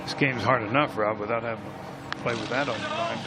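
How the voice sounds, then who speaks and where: A man's voice: fairly low pitch, fairly even intonation, brisk. A man giving casual live golf commentary with folksy, plain-spoken reactions to each shot. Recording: loud crowd and outdoor broadcast noise. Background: crowd and outdoor noise.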